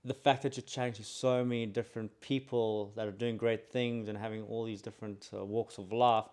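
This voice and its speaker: A man's voice: lowish voice, level tone, a little fast, darkish tone, clear, resonant tone. A man who is a podcast guest, chatting casually and enthusiastically affirming the host. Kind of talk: casual chat.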